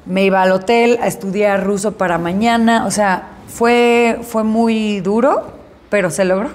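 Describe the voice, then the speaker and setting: A woman actress recounting an experience in an interview, lively and acting out the dialogue in her story. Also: medium pitch, unhurried.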